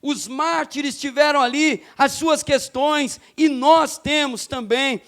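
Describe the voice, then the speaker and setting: High-pitched guy preaching in church, gets loud and fired up then slows way down. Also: steady tone. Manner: impassioned, rising to shouts and slowing for emphasis. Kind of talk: evening church sermon. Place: church sanctuary.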